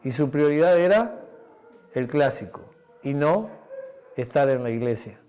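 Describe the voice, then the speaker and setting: A man with a fairly high, animated voice speaks without hurry as a pastor delivering a sermon in Uruguayan-accented Spanish. He tells a personal story, acting out the dialogue and leaning often on tag questions, and near the end his tone drops to something quiet and intimate.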